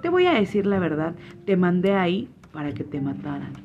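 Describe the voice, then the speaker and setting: A woman's voice: on the low side, sing-song, brisk. A woman from voicing a scheming, envious male fox in a spoken fable, coaxing and mocking. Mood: cold. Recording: slightly muffled, faint guitar music.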